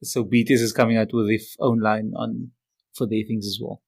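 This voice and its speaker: A man's voice: on the low side, flat delivery, fairly quick, creaky, darkish tone. A South African man co-hosting a casual tech podcast, rambling through points with hesitant restarts.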